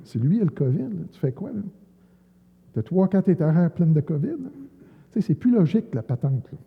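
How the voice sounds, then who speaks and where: Quebec French evangelist, colloquial testimony, long church reverb, phone-thin sound. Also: male voice, fairly high pitch, sing-song, brisk, creaky, husky, phone-quality sound. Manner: colloquial storytelling, many fillers.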